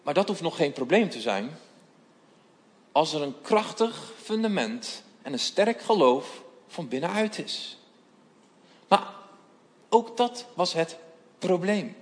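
High-voiced man preaching in a hall. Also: sing-song, takes it slowly, pauses often. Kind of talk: sermon.

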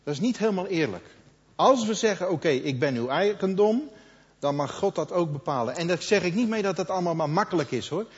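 A middle-aged man preaching a sermon in a conversational manner, quoting others in lively asides. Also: sits high, quick pace. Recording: dull sound with long hall reverb.

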